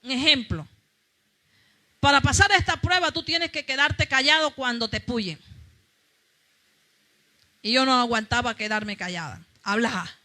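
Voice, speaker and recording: A woman's voice: high-pitched, unhurried, long pauses, bright, forceful tone. A woman pastor preaching a fervent sermon, calling out to her congregation.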